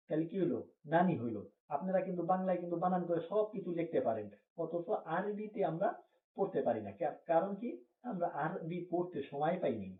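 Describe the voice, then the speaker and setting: A man with a somewhat high voice and a colloquial Bangladeshi Bengali accent runs a patient spelling drill, asking questions and repeating each syllable. He sounds far from the mic in an echoey space. The audio is thin and phone-like. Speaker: Quran reading teacher.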